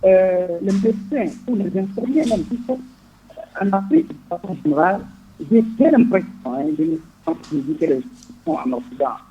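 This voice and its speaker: A man's voice: high-pitched, expressive, normal speed, warm tone. Hesitant male radio show caller on phone. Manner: hesitant, many fillers and restarts. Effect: radio show caller heard over a phone line. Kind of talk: call-in question to a radio show. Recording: muffled phone line with faint noise.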